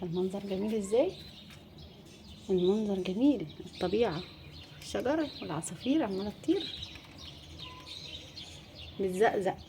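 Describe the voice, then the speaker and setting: A woman with an Egyptian Arabic accent, talking softly and coaxingly to her cat in casual pet talk. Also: medium pitch, expressive, normal speed, long pauses, background noise. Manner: soft, coaxing, sing-song pet talk. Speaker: pet channel host. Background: faint birdsong outdoors.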